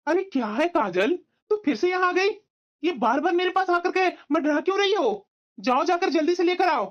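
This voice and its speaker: A woman's voice: high-pitched, expressive, fairly quick, muffled recording. A woman voicing a scornful, short-tempered young husband in a cartoon, speaking in a snappish, scolding way. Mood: irritated. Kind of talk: cartoon voice acting.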